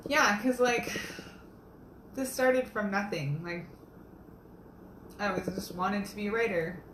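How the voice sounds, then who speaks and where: A woman's voice: mid-range voice, takes it slowly, reverberant, very noisy. A young woman, a self-published romance author, chatting casually and earnestly on a live video from her kitchen. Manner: chatty, rambling, earnest and upbeat. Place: home kitchen.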